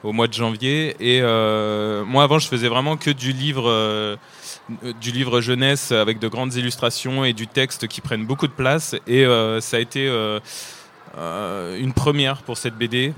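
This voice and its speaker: Hesitant French illustrator, faint room noise. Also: male voice, mid-range voice, normal speed, fairly bright tone. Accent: French from France. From France. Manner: hesitant, many fillers. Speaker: comic illustrator. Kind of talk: casual talk to children.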